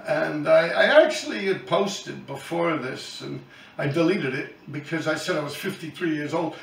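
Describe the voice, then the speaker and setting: A New York City graffiti writer in his 50s rambles bluntly and profanely to his YouTube viewers in loose, run-on asides. His fairly high voice has vocal fry and a moderate pace, and the rough recording sounds reverberant, with the mic far away.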